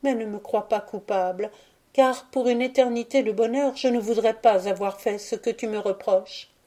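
A tender, pleading young girl, her grief held under a gentle voice, as a woman reading the story puts her on. The tone is raised and bright above the reader's own, yet stays mellow and soft. She sounds like a storybook heroine. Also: on the high side, moderate pace, close to an everyday voice.

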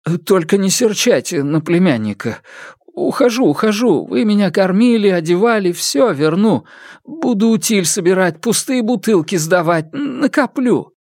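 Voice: mid-range voice, lively intonation, moderate pace, a little mellow, no echo, studio quality, pitched above the performer's own voice. A reader voicing a timid, pathetic middle-aged man who pleads and wails, in an audiobook. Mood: pleading. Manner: mumbling, pleading, wailing.

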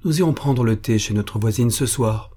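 A man voicing a shy, gentle young woman in a storybook reading. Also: mid-range voice, moderate pace, husky, close to an everyday voice. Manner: soft, shy.

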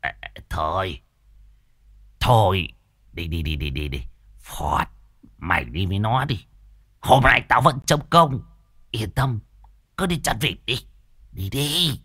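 A man's voice: mid-range voice, wildly swooping pitch, normal speed, sharp tone, no echo, clean studio sound, full character voice. A man voicing a greedy, scrawny old village coffin maker who grumbles and brags. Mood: dismissive. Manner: grumbling, boastful, swings from muttering to shrieks.

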